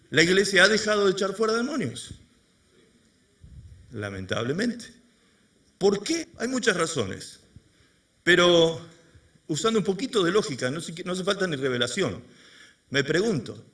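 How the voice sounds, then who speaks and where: High, animated preacher man. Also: far from the mic. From Argentina. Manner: quizzes the congregation with rhetorical questions. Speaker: pastor. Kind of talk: sermon. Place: church service before a congregation.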